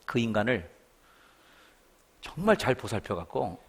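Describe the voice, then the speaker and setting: A middle-aged man preaches a revival sermon in a church sanctuary, bringing his stories to life by acting out the people's voices. His mid-range voice is slightly rough and moves at a measured pace.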